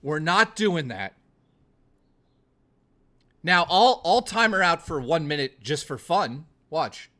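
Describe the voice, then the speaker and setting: Bright, profane joking male streamer. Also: a little high, animated, slow pace, long pauses. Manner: reads and answers chat. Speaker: live streamer. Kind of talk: casual live-stream chat.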